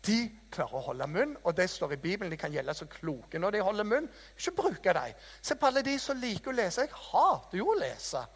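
A man preaching a sermon in a church hall, telling stories in a lively, self-mocking way. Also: high voice, hardly any pauses, husky. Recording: reverberant hall.

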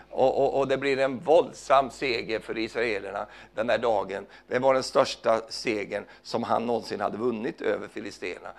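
Male preacher, mid-pitched with a gravelly rasp, fervent sermon delivery, frequent hallelujahs, big swings from loud to hushed.

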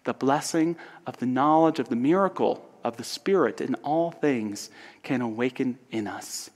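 Man with a mid-range voice, soft and earnest, giving a reflective spiritual talk in a long-reverb hall. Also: medium pitch, expressive, normal speed. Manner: soft, earnest, drops to whispers. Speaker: speaker.

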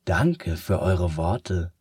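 A man voicing a sad, weary sun that talks slowly and sighs, in a children's storybook. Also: sits low, big pitch swings, darkish tone, breathy edge, dry recording, studio quality, heavily acted. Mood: downcast, slow. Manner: slow, sighing, downcast.

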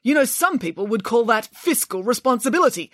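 A woman's voice: a little high, big pitch swings, brisk, fairly bright tone, no echo, studio quality, voice pushed up. A woman voicing a stingy, stuffy middle-aged father who sounds stiff, defensive and exasperated.

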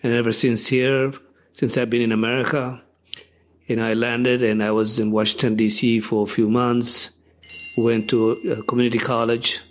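Older man, mid-pitch voice, reflective and halting storyteller, interview guest. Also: flat delivery. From Ethiopia.

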